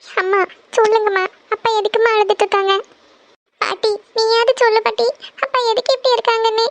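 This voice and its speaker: Woman doing a shrill, gravelly cartoon daughter, stubborn and pleading, level tone. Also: little pitch movement, a little fast, dry recording. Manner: insistent, tearful pleading. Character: devoted young woman, eldest daughter. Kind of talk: cartoon family serial voice acting.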